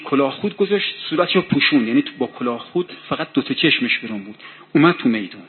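A man preaching a sermon, telling a story dramatically, his voice rising in heated passages. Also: sits high. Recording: tinny phone-like sound with faint hiss.

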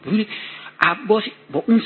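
A man's voice: high voice, slightly rough. A man preaching a sermon, telling a story dramatically, his voice rising in heated passages. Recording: tinny phone-like sound with faint hiss.

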